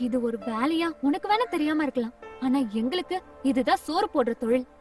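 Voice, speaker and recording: Touchy ragpicker girl, very high quick voice, film sound w music. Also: animated, far from the mic. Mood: defensive. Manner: quick, defensive retorts. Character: young woman who collects rubbish, proud and touchy. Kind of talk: film dialogue.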